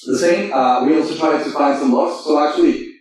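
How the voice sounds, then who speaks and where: A man giving a technical conference presentation, halting and full of fillers and self-corrections. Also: a little high, a little mellow. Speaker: conference speaker. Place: conference hall. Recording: echoey hall, distant mic.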